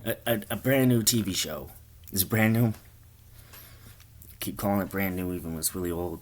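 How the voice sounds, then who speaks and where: A man's voice: low voice, normal speed. A man rambling through a crude improvised comedy story, joking at his own expense. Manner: rambling, crude, self-deprecating.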